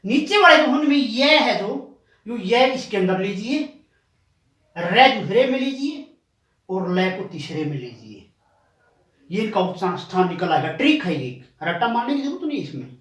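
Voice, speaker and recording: A man's voice: high-pitched, big pitch swings, moderate pace, fairly bright tone, distant mic. Man teaching in an echoey room. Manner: patient, explains step by step, spelling out sounds one by one. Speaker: coaching teacher. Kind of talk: classroom lesson.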